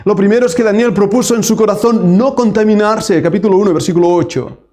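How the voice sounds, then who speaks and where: A man's voice: sits high, quick pace, darkish tone. A man preaching a sermon, reading scripture with dramatic rises and falls. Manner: dramatic, rising and falling delivery reading scripture aloud. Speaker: pastor.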